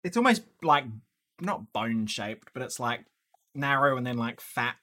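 A man in his thirties with a bright, forward voice talks games in a loose, casual chat. He wanders through his points, full of "um"s, "like"s and false starts. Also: medium pitch, very animated, normal speed. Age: 30s. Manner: rambling, many fillers and restarts. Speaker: podcast co-host.

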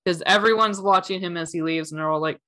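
A woman's voice: fairly low pitch, quick pace, sharp tone. A woman as game master of a tabletop role-playing game, narrating and voicing characters with frequent laughs.

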